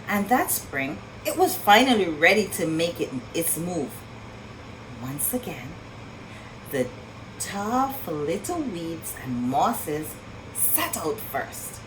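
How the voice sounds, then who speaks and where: A woman gives a slow storytime reading to little kids, her medium-pitched voice swinging widely up and down. She asks questions and marvels at the pictures as she goes. The audio is poor, with noise in the background.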